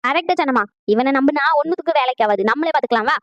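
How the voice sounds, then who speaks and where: A woman voicing a sharp-tongued, combative old mother-in-law, scolding quickly. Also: high-pitched, no room sound, lightly acted. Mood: indignant. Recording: dull lo-fi dry audio.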